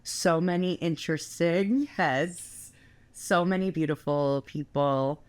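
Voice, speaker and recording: A woman's voice: low-pitched, slow, clear, resonant tone. A young woman co-hosting a podcast, telling a travel story in a chatty way full of fillers. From United States. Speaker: podcast co-host.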